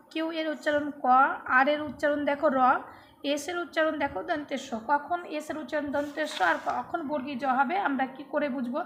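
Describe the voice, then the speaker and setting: A woman teacher explaining English letter sounds slowly and patiently, spelling words out and answering her own questions. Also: high-pitched, slight background noise. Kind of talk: classroom lesson.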